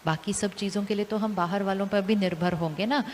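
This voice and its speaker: Casting: woman, calm spiritual teacher, asks the audience questions again and again, long hall reverb, faint hiss. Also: medium pitch, brisk.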